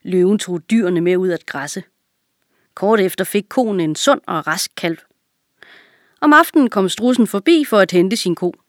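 A woman reading a children's fable aloud at an even, clear pace. Her voice sits mid-range, recorded close and dry. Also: medium pitch, no echo. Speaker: reader.

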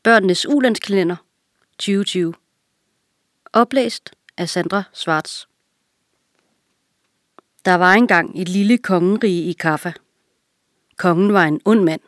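A woman reading a children's story aloud in a clear, expressive way. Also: lowish voice, dry recording, studio quality.

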